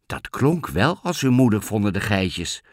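A man reading a children's fairy tale aloud as a storyteller, expressive and playful. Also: fairly low pitch, measured pace, dry recording, clean studio sound. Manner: expressive, lively read-aloud.

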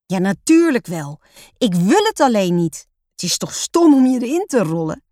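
A woman voicing a schoolgirl, the eldest sister, who is playful and stubborn and speaks in a bright, lilting way. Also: medium pitch, very animated, moderate pace, dry recording, voice pushed up, lightly acted.

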